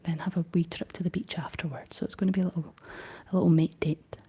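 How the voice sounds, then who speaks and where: A young Scottish woman hosts a whispered ASMR livestream, gently working through viewer comments in a soft, unhurried manner. Her voice is deep for a woman, steady in tone with a breathy edge, and she has a slight frog in her throat.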